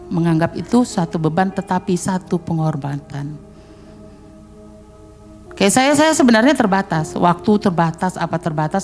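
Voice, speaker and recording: A middle-aged woman with an Indonesian accent preaching a sermon in a church, chatty and joking, with quick acted-out asides. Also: mid-range voice, a little mellow. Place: church hall.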